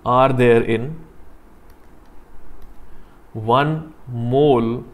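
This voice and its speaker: A man with a North Indian accent teaching a live online class step by step, deliberate, repeating himself and often checking understanding with questions. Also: mid-range voice. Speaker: chemistry teacher.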